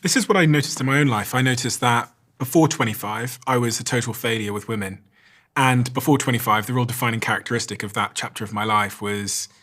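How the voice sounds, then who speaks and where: A man in his thirties hosts a podcast, with a voice of middling pitch. He talks reflectively, sharing personal stories and thinking aloud as he goes. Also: a bit bright. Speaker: podcast host. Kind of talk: podcast conversation.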